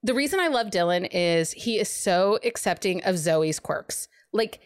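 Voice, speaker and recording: A woman in a relaxed book chat with friends, speaking at an ordinary middle pitch. She gushes over her favorites with eager, wholehearted enthusiasm. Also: unhurried, clear, resonant tone. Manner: gushing, enthusiastic book recommender. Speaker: podcast co-host pitching a book pick.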